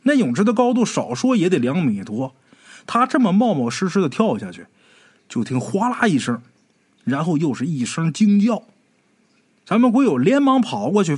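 A man tells a ghost story with dramatic, animated delivery. His voice sits a little high for a man and swings widely in pitch, with a husky grain throughout.

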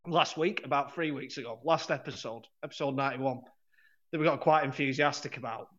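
A man's voice: medium pitch, a little fast, fairly bright tone. A man co-hosting a football podcast in casual chat, rambling and correcting himself, laughing often. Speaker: podcast co-host. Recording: dull lo-fi sound.

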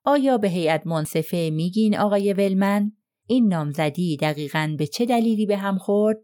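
A woman's voice: mid-range voice, lively intonation, mellow, lightly acted. A woman voicing a cold, firm male lawyer in an audiobook, pressing a witness with probing questions. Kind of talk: audiobook character reading.

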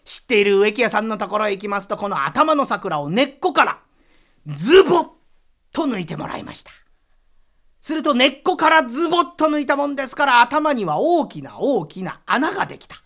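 A woman's voice: on the high side, very animated, a little fast, fairly bright tone. A woman narrating a comic rakugo tale in polite storyteller's speech.

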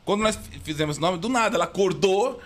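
A man hosting a podcast, rambling and repeating himself as he chats excitedly. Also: sits high, fast talker, slight background noise. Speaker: podcast host. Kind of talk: casual podcast chat.

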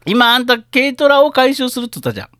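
Fast, rough-talking man. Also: very high voice, sing-song, bright, forceful tone, dry recording. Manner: exasperated, rough straight-man retorts. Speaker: podcast co-host. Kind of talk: improvised comedy sketch.

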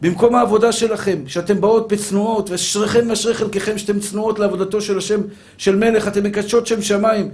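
High-voiced man preaching a fervent sermon. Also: fairly even intonation, a little mellow. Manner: fervent, repetitive preaching that addresses listeners as brothers. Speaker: rabbi.

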